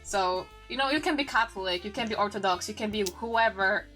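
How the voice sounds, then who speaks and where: A woman of twenty-one from Poland, a native Polish speaker with a Polish accent, talking as a podcast guest in a halting way, restarting phrases and searching for words. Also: mid-range voice, pushed and bright, faint music behind. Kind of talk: casual podcast chat.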